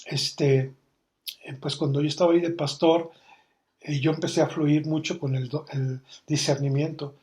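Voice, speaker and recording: A man's voice: fairly high pitch, flat delivery, moderate pace, a little mellow. A middle-aged Mexican man, a pastor, teaching a church course in a conversational way, telling stories full of quoted dialogue. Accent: Mexican Spanish.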